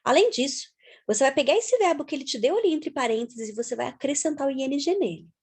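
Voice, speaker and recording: A woman's voice: sits high, animated, fast, a little mellow. A woman teaching English grammar to viewers, patiently spelling words out letter by letter.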